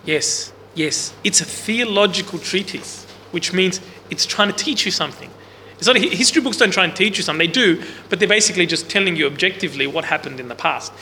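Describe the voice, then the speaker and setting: Expressive and quick-paced, a man with a loud, bright, slightly high voice teaches Bible class to a group in a big room with no mic. He explains casually and keeps asking questions; the room recorder adds a long hall reverb and a faint underlying hiss.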